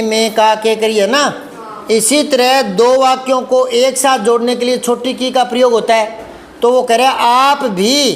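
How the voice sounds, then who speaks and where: A man's voice: extremely high pitch, reverberant, slight background noise. A man teaching a Hindi grammar lesson to a class, patient and repetitive, often asking the students if they understood. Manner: patient, repetitive, addresses students as beta, asks checking questions.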